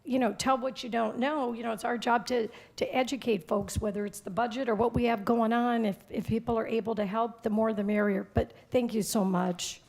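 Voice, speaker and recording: A woman's voice: a little high, fairly even intonation, a little fast, gravelly, hardly any pauses, darkish tone. An American woman making chatty, rambling, informal remarks as a council member at a meeting.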